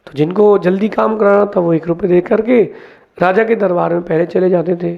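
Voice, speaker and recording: A man, a monk, giving a sermon, telling parables in a lively teaching way and mixing in English words. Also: high-pitched, moderate pace, vocal fry. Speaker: Jain monk giving a discourse. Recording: dull lo-fi sound.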